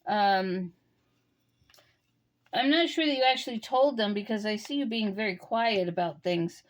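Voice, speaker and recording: A woman giving an intuitive tarot reading, musing and talking straight to the listener with pauses and fillers. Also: medium pitch. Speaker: tarot reader.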